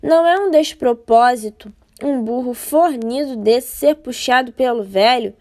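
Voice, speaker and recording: A woman voicing a rural man who gossips in a hushed tone to his friend while she reads a folk tale aloud. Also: on the high side, measured pace, lightly acted. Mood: gossiping.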